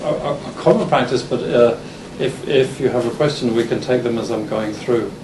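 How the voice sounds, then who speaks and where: A man in his fifties from Denmark with an English accent, giving a lecture in a halting manner with frequent restarts. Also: medium pitch. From Denmark, born in England. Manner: halting, many restarts and fillers. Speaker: university lecturer giving a talk. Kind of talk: conference lecture. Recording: roomy, distant, noisy hall recording.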